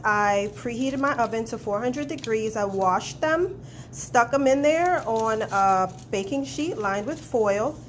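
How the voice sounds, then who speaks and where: A woman private chef with a mid-range voice sounds nasal from a head cold as she chats casually through a recipe, dropping plenty of ums. She is relaxed and films on a handheld phone camera in her home kitchen, with a noisy background behind her.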